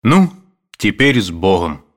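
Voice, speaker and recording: A man's voice: fairly low pitch, very animated, slow pace. A man reading aloud voices a jovial older guest who talks heartily and orders everyone about. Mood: commanding. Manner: hearty, toasting, bossy.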